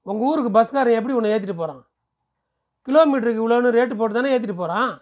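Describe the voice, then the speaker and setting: A man voicing a pushy, smooth-talking male temple ticket seller who lectures briskly and persuasively. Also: very high-pitched, pitched above the performer's own voice. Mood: brisk lecturing.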